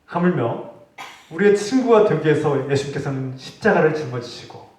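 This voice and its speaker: A man's voice: a little high, expressive, brisk. Brief: earnest male pastor delivering a sermon, rising and falling in emphasis, captured from a distant mic in a big echoey church. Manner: earnest preaching, voice rising for acted rebukes, dropping for quiet points. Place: church sanctuary.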